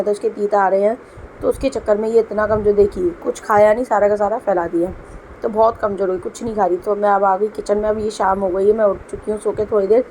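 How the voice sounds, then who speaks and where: Poor audio with slight hiss or hum carries a young woman's medium-pitched, slightly mellow voice. She's a homemaker vlogger chatting through her kitchen routine at home, explaining what she does as she goes, while dealing with a sore throat and a cough.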